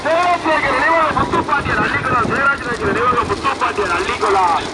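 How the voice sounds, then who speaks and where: A man calling out a race over a loudspeaker, loud and chanting, repeating the names of the entries. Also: extremely high pitch, fast. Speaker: race announcer. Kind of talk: live race commentary, listing entries. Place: outdoors at a bullock cart race. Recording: loud vehicle noise outdoors.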